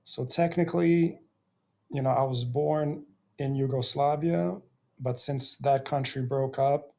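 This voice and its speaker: A man in his thirties telling his life story on his own channel, reflective, pausing often between phrases. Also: medium pitch, steady tone, creaky, dark tone. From Bosnia and Herzegovina. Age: 30s. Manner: slow and reflective, with many pauses and fillers. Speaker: YouTuber. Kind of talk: personal storytelling vlog.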